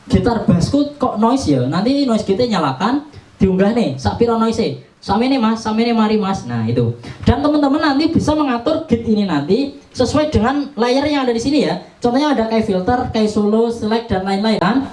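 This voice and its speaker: An audio gear seller demonstrates a mixer, chatting casually and explaining each step as he presses buttons. His voice is high-pitched and a little mellow. The mic is at a distance, giving a roomy sound.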